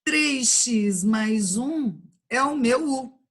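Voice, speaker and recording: A woman's voice: a little high, expressive, very slow. A woman with a Brazilian accent teaching an online calculus class, patiently explaining each step and checking in with her students. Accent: Brazilian Portuguese. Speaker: math teacher.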